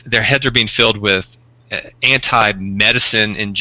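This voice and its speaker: A man speaking as the pediatrician guest on a podcast interview, talkative with dry humor and halting restarts. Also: fairly low pitch, steady tone, bright, forceful tone, no room sound, poor audio.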